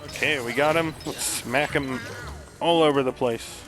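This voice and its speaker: A man's voice: mid-range voice, measured pace, music in the background, poor audio. A man giving casual, rambling commentary while playing a video game, full of joking asides. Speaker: gaming channel host.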